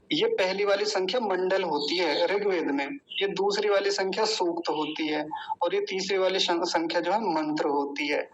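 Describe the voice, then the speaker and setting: A man teaching the correct pronunciation of a Sanskrit mantra, repeating each word slowly and chanting the full verse. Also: high-pitched, a bit bright, low-quality recording. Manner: slow, deliberate syllable-by-syllable drilling. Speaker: Vedic recitation teacher.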